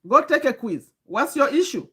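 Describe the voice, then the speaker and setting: Her voice is high, fairly bright and very animated, moving at a moderate pace. She's a Ugandan woman in her fifties, a livestream host and community coach, lecturing her chat earnestly, restarting sentences and pausing to greet those watching.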